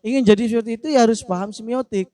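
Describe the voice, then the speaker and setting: A man's voice: high-pitched, very fast, dark tone. A man in a casual discussion, answering in a playful, joking way. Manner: playful, joking, acts out example phrases. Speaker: discussion speaker answering a question.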